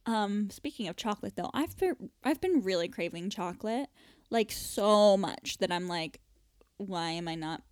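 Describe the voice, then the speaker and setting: A woman's voice: medium pitch, expressive, normal speed, a little mellow, no room sound, clean studio sound. Chatty self-deprecating woman podcaster. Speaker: podcast co-host. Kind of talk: casual chat.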